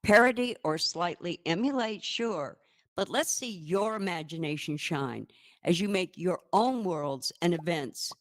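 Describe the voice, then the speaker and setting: A woman co-hosting a live-stream news show, reading items in a cheerful, measured way. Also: lowish voice, lively intonation, no echo, clean studio sound. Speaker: co-host.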